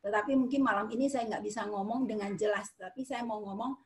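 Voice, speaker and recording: A middle-aged woman from Medan giving a motivational talk to an audience, emphatic and repetitive, swinging between loud and quiet. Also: medium pitch, fairly even intonation, quick pace. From Medan, Indonesia. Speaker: motivational speaker.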